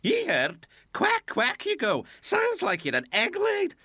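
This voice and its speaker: A man's voice: very high-pitched, wildly swooping pitch, slow pace, bright, forceful tone, pitched above the performer's own voice, heavily acted. A man doing a teasing Scottish engine. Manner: teasing, scolding. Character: grumpy sleepy Scottish engine, male. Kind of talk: storybook narration.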